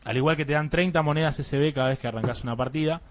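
A man's voice: fairly high pitch, rapid-fire. A young man with an Argentine accent, hosting a casual game review chat and rambling a bit as he talks. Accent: Argentine Spanish. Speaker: podcast host reviewing games.

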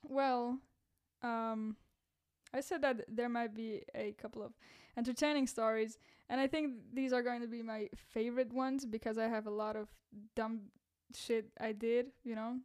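A woman hosting her first casual solo podcast, rambling and self-deprecating, with a rough voice that cracks and frequent laughs at her own jokes. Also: a little high, fairly even intonation, measured pace, darkish tone. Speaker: podcast host and content creator.

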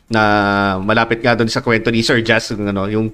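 A man's voice: lowish voice, level tone, brisk, fairly bright tone. A young Filipino man with a Filipino accent, co-hosting a podcast in a loose, joking chat and laughing often. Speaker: podcast co-host. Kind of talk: casual chat among friends.

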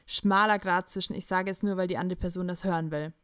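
A woman's voice: fairly low pitch, fast talker, smooth, no echo. Young woman podcast host, chatty, acts out texts from some guy, dry mic. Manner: animated storytelling, quoting texts in chats. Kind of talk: casual podcast chat.

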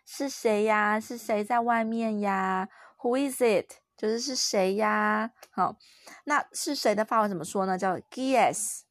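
Playful Taiwanese mom teaching French. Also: female voice, mid-range voice, a little slow, no echo, clean studio sound. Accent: Taiwanese Mandarin. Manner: patient, playful and encouraging. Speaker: mother teaching her toddler French. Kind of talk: home-recorded French lesson with a child.

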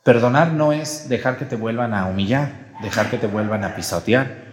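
A Mexican priest preaches in a conversational way, often tossing questions to the congregation. His mid-pitched voice rings around a large church with a long, trailing reverb. He slips into playful voices when he quotes people. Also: normal speed. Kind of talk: sermon at Mass.

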